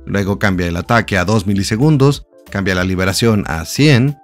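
A man giving a step-by-step voice-over for a tech tutorial, calm and explanatory as he walks through the settings one by one. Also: low voice, moderate pace, soft background music.

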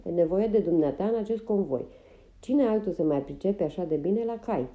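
A woman's voice: fairly low pitch, lively intonation, narrow, tinny audio, close to an everyday voice. A woman voicing a blunt, motherly older woman of a wagon train, firm and commanding, in an audiobook.

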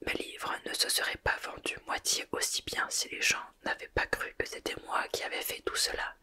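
A woman's voice: sharp tone, natural voice. A woman voicing a vain, evasive middle-aged male wizard professor, whispering hesitantly in a whispered role-play.

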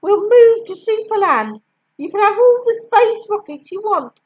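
A woman voicing a desperate mother who rushes through excited, high-pitched bribes to her daughter in a storybook reading. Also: heavily acted. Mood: pleading. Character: frantic pleading mother bribing her daughter. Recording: dull lo-fi recording.

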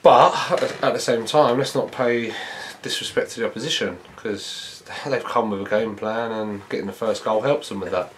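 This post-match interview features a man in his thirties, a football manager speaking in a very low, pitch-flat voice. He's measured and reflective, using plenty of fillers, while faint ambience and a bit of background noise fill the small indoor press room.

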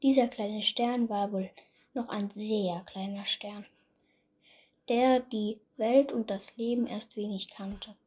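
Storyteller, female, reading a fairy tale; soft, husky tone. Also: medium pitch, steady tone, slow pace.

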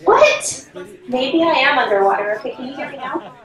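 A woman's voice: high voice, expressive, normal speed, fairly bright tone, a faint crowd. A woman co-commentating on a live stream who sounds like she is talking on a cell phone speakerphone, chatty and apologetic about her setup. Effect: sounds like a speakerphone on a cell phone, distant and hollow. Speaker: co-commentator on a card game stream. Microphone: faulty remote mic setup. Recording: roomy, far-off speakerphone sound.

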